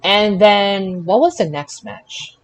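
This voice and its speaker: Piecing together the details as he goes, a podcast host with a fairly high voice runs through wrestling results in a relaxed recap, stumbling and doubling back on his words. It's a low-quality recording.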